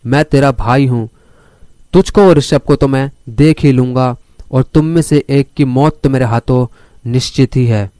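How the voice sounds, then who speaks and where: An angry, threatening young brother in a told crime story, as the male narrator reads his lines. The voice is dark and mellow, close and dry, with hardly any change from the storyteller's own tone. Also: medium pitch, unhurried, no echo, lightly acted. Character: furious young man threatening his sister.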